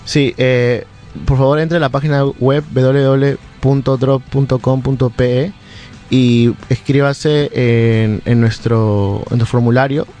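A man, an engineer, explaining his product as a radio guest, halting and careful. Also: medium pitch, fairly even intonation, mellow, soft background music. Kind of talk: radio interview.

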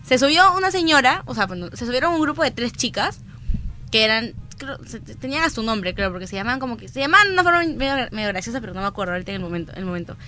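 A young woman with a Peruvian accent, telling animated stories at speed in a casual group chat. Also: on the high side, slight background noise. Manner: rapid animated storyteller, acts out voices.

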